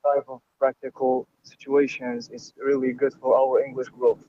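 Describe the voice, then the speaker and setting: An Arabic-speaking man from Algeria answers as a lecture participant over a video call, his mid-range, mellow voice flat and moderately paced. He sounds hesitant, leaning heavily on "like" and "you know." The online call audio is dull and dry.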